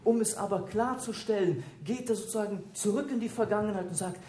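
A woman preacher giving an expository Bible teaching, explaining step by step and slowing down to repeat scripture verses. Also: mid-range voice, dark tone. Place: church gathering with children nearby. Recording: roomy echo, faint background noise. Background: faint room noise.

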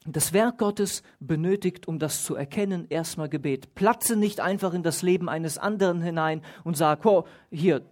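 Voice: mid-range voice, moderate pace, hardly any pauses, darkish tone. A Bible teacher giving a study talk, reading scripture aloud, explaining it and stressing single words, and putting questions to the listeners.

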